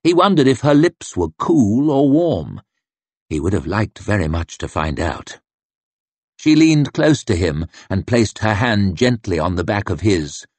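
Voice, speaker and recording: A man narrating a fantasy novel in a measured, expressive storytelling manner. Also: on the low side, no room sound. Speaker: audiobook narrator. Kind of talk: scripted narration.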